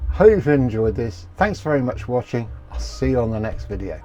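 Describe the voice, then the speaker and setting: A man's voice: mid-range voice, expressive, a little fast, mellow, dull audio, faint music behind. A man hosting a repair video, chatting casually as he works at the bench and laughing at his own mistakes. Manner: chatty, self-mocking, laughs at himself. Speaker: electronics repair video host. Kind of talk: casual workbench narration.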